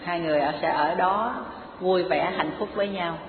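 A woman giving a Buddhist dharma talk, telling a story in an animated, humorous way and addressing the audience directly. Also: on the low side, moderate pace, background noise. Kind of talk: sermon with storytelling. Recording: echoey hall over a tinny phone-like line with an audience. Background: audience laughter.

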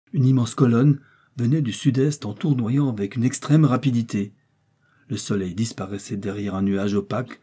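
A man narrating a classic adventure novel as an audiobook, telling it with steady drama. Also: lowish voice, slightly rough. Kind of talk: scripted narration.

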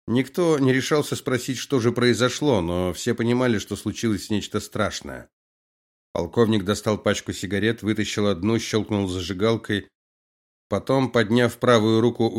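Audiobook: male narrator, low voice, measured, even reading. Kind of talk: scripted narration.

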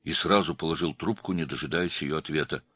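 A man reading a novel aloud as narrator in a steady, expressive way. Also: a bass voice, fairly quick, slightly rough, no echo, studio quality. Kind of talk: audiobook reading.

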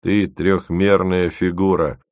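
A man voicing a tired, sardonic male computer that speaks in a measured, precise way. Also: deep voice, flat delivery, darkish tone, dry recording. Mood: weary.

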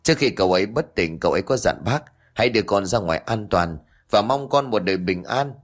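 Narrator as a gentle older uncle, steady and resigned, low voice. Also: male voice, fast talker. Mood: consoling. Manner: calm, consoling, steady.

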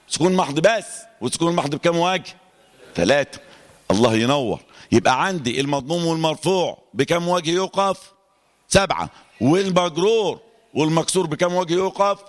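A man with an Egyptian accent teaching Quran recitation rules to a class, quizzing students and chanting verses slowly to demonstrate. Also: fairly high pitch, long reverb tail. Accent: Egyptian Arabic. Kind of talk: classroom lesson on tajweed.

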